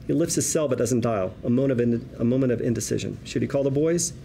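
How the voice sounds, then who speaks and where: At a table read, a man reads a screenplay's stage directions in scripted present tense, with some noise in the room. His medium-pitched voice is fast, gravelly, and warm, and his delivery is vivid and wry.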